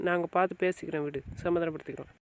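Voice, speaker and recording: A man's voice: on the high side, steady tone, racing, gravelly, smooth. A man playing a worried, blunt friend. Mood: concerned. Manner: urgent, placating. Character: concerned male friend, calming and blunt. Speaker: actor in a web drama.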